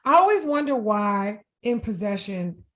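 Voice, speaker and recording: A woman's voice: mid-range voice, sing-song, fairly bright tone. A woman co-hosting a podcast, chatting in a playful, teasing way. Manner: playful, teasing, quick to laugh. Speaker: podcast co-host. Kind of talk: casual chat.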